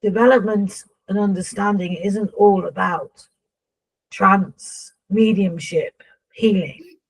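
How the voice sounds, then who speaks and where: A woman speaking as a seance medium in trance, voicing a solemn, instructive spirit guide who addresses humans, with a husky voice. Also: medium pitch, steady tone, takes it slowly, rough recording.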